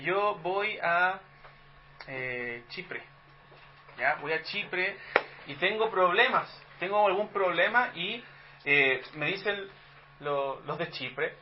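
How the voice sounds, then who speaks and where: A man's voice: fairly high pitch, muffled recording, slight background noise. A Chilean man preaching a sermon in a conversational teaching manner, asking the congregation rhetorical questions. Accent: Chilean Spanish. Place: church hall.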